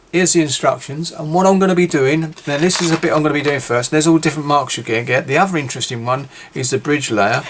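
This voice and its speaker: A British man, a scale model builder, gives a chatty, rambling walkthrough of a model kit in a casual review video, often correcting himself. His mid-range, fairly bright voice sounds a little worn as he's losing it, with a little hiss or hum present.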